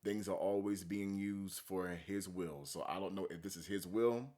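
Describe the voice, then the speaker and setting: A man's voice: sits low, moderate pace, dark tone. A man giving casual, blunt, profane reaction commentary as he preaches about scripture. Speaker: commentary video host.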